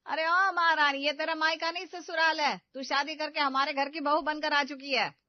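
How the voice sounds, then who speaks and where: A woman voicing an exasperated middle-aged mother-in-law who scolds loudly in a cartoon story. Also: mid-range voice, normal speed, dry recording, highs cut off, lightly acted. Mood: scolding.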